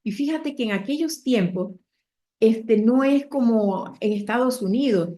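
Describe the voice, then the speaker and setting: A woman's voice: fairly high pitch, lively intonation, measured pace, mellow. A woman preacher retelling a Bible story with heartfelt emotion, speaking directly to her listeners.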